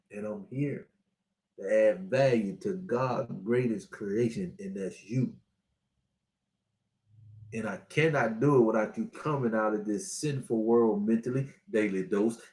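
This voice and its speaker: A man's voice: on the low side, a little slow, a little mellow, echoey room. A man in his sixties giving a preachy, repetitive motivational talk to his online viewers as a spiritual life coach. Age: 60s.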